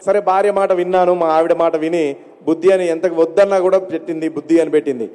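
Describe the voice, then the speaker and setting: A man's voice: a little high, fairly even intonation, fast talker, mellow. A man doing stand-up comedy with mimicry on stage, telling his stories chattily and landing punchlines. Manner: chatty storyteller, punchline delivery. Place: stage at an award ceremony. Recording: reverberant stage PA sound.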